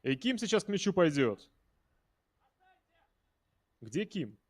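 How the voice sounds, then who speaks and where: A man commentates live on a football match. His voice sits a little high. He talks conversationally, addressing the viewers and the players directly as he follows play. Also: big pitch swings, takes it slowly.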